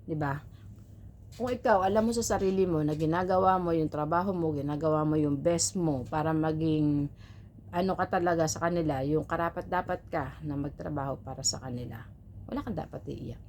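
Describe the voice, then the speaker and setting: A Filipina woman vlogs casually about working as a household helper, telling viewers stories and giving chatty advice with frequent rhetorical tags. Her low, slightly mellow voice moves a bit fast over a faint hum of room noise.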